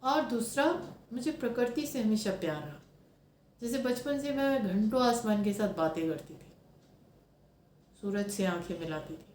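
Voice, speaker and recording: A woman's voice: medium pitch, lively intonation, moderate pace, a little mellow, reverberant. Woman, 30s, spiritual speaker, earnest reflective talk, English phrases mixed in, faint room hum behind.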